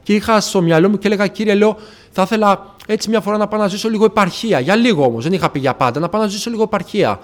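A man from Athens giving an earnest personal faith testimony to a congregation, retelling past conversations and often addressing his listeners as brothers. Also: high-pitched. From Athens, Greece. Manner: earnest, retells conversations with frequent "I say, she says" asides. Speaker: church member giving testimony.

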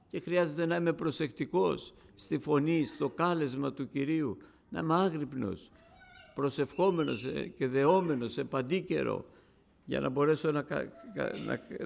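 A man delivering a sermon with a gravelly, rough-edged voice. He preaches fervently, dropping low and quiet, then rising to loud, passionate calls to his listeners. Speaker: radio broadcaster.

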